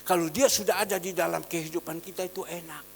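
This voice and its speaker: A man pastor preaching a sermon, shifting between loud exhortation and quiet storytelling. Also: a little high, fairly even intonation, fast, gravelly, long reverb tail, a little hiss or hum. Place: church hall.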